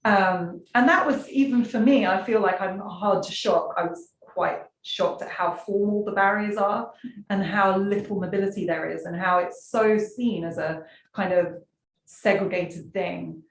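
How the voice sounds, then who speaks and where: A woman's voice: medium pitch, unhurried. A woman speaking as a guest in a discussion, fluent and emphatic. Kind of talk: conversational discussion. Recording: echoey distant mic with faint noise.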